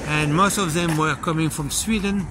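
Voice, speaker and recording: A man casually narrating a travel vlog while walking outdoors, relaxed and unhurried with plenty of fillers, recorded on a handheld camera. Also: on the high side. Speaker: travel vlogger. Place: outdoors on a quiet island street. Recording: outdoor street noise behind.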